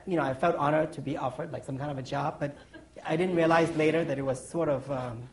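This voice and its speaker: A man's voice: fairly high pitch, fairly even intonation, quick pace, darkish tone, poor audio. Man from Thailand, 40s, pastry chef on a panel stage; meandering, filler-heavy answers. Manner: rambling, many ums and restarts, chuckles. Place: conference stage.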